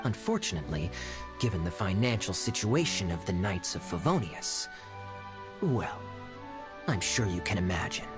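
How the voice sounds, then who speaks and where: An actor voicing a sly, charming male knight in a game who teases with smooth, wry words. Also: sits low, sing-song, normal speed, over music. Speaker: game character. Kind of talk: game voice acting.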